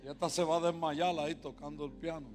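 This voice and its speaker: A man preaching a sermon as pastor, moving from quiet confiding talk to loud, impassioned preaching and slipping in English words. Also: fairly high pitch, fairly even intonation, fast. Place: large church hall. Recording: long hall reverb with music behind.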